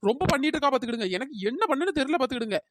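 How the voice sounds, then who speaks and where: A hot-tempered young village woman, as a woman puts her on for a cartoon, ranting in a fast, high, pitch-raised voice. She sounds indignant throughout, and the recording is dry. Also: expressive, a bit bright, no echo. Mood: furious. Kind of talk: cartoon storytelling.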